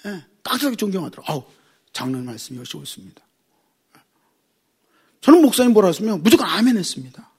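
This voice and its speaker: A middle-aged male pastor preaching in a high, husky voice. His pitch swings widely as he fires rhetorical questions at the congregation. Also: a little mellow. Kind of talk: sermon.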